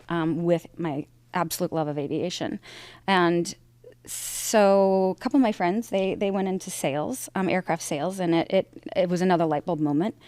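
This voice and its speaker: A woman's voice: fairly low pitch, a little mellow, dry recording. A woman in her forties, raised in Idaho, telling her career story as an interview guest in a chatty, rambling way. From Idaho, USA. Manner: chatty and storytelling, with frequent fillers and restarts. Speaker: interview guest, aircraft sales director. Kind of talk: conversational interview.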